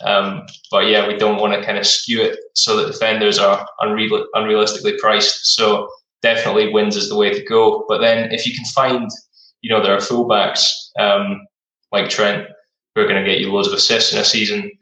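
A man's voice: fairly low pitch, monotone, moderate pace, sharp tone. A man casually explaining how a football game works, as a guest on a show, in an echoey room.

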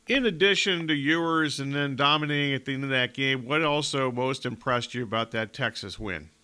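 A man hosting a sports radio show, relaxed and joking about his own slips as he sets up questions. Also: mid-range voice, fairly quick, clean tone.

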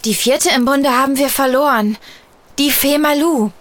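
A woman voicing a calm female companion who explains things in a children's audio play. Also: high voice, moderate pace.

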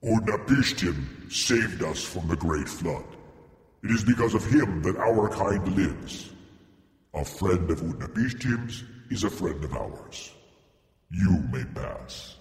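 A deep, slow, solemn guardian scorpion, put on by a male storyteller. His words drag out heavily and ring in a long, echoey hall over faint music. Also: animated, exaggerated voice. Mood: stern. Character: giant stern guardian scorpion.

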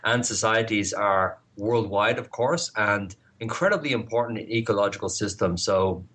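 A man with a fairly low voice speaks as a scientist being interviewed. He explains his field conversationally, using plain and vivid everyday examples. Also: moderate pace, fairly bright tone, breathy edge. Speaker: entomologist, interview guest.

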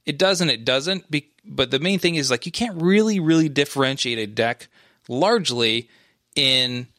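A man co-hosts a laid-back gaming podcast and works through his points with frequent restarts and fillers. His voice sits at an ordinary pitch and is recorded close and dry, with no room sound. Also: lively intonation, moderate pace, a bit bright, no echo. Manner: rambling, many restarts and fillers. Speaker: podcast co-host. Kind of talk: casual esports chat.

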